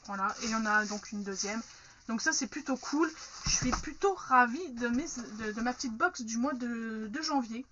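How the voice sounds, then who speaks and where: A woman's voice: on the high side, normal speed, lo-fi sound, noisy background. A woman chatting frankly through an unboxing, with many fillers. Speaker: unboxing vlogger. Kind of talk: casual unboxing chat.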